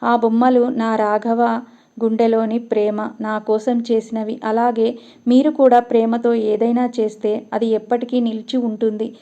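Soft forgiving old village mom a woman reading her, dark mellow tone, flat delivery, dull lo-fi audio. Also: fairly high pitch, unhurried. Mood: tender. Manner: tearful, pleading. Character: gentle forgiving elderly village mother.

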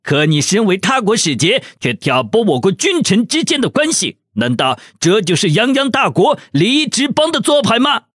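A man's voice: high-pitched, wildly swooping pitch, normal speed, few pauses, a bit bright, slightly rough, dry recording, clean studio sound, pitched above the performer's own voice, heavily acted. A man voicing a proud young king who scolds a foreign envoy with haughty indignation. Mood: angry haughty. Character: proud angry young male Tibetan king.

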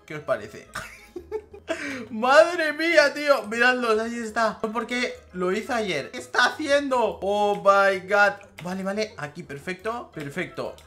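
A young woman with a Spanish accent from Spain, giving excitable gameplay commentary, laughing often and repeating words. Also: fairly high pitch, a little slow. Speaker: gaming youtuber. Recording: faint background music.

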